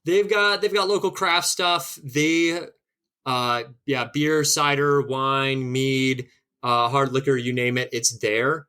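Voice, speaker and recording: A man's voice: mid-range voice, steady tone, takes it slowly, pushed and bright, smooth. A man from Minnesota chatting casually as a podcast guest, rambling and friendly with lots of fillers.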